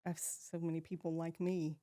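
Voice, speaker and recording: In a clean studio recording with no echo, a woman in her 50s speaks at a moderate pace in a low, mellow, flat voice. The Texas shop owner is chatting casually as an interview guest, laughing frequently and trailing off mid-sentence.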